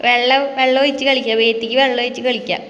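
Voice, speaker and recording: A high-pitched woman chats with her toddler in a coaxing, sing-song voice, asking question after question. The sound is roomy, with a long reverb tail and a faint hum of background noise, as if from a home kitchen. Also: level tone, fast, a bit bright, lo-fi sound. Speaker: vlogger and mother. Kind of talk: casual chat with a small child.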